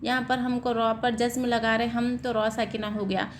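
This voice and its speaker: A woman teaching Quran reading, asking questions and answering them herself, then spelling out and reciting words slowly. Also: on the high side, little pitch movement, a little hiss or hum. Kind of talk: step-by-step recitation lesson.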